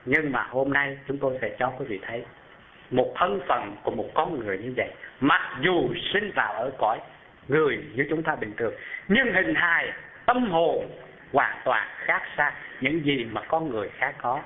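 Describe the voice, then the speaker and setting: A man preaching and telling a Buddhist story to an audience, often asking them questions and lifting his voice high as he describes things. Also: normal speed, slight background noise. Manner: animated, asks the audience questions, rises high when describing. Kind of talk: storytelling sermon. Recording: tinny phone-like sound. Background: live audience.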